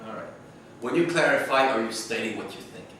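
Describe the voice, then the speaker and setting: A man leading an adult workshop, pressing the group with quick, repeated questions. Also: medium pitch, lively intonation, a bit bright. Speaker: workshop leader. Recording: echoey room, distant mic, noisy.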